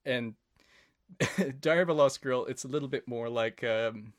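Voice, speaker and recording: A man's voice: medium pitch, unhurried. A man hosting a film podcast in casual chat, hesitant, with many fillers and restarts. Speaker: podcast host.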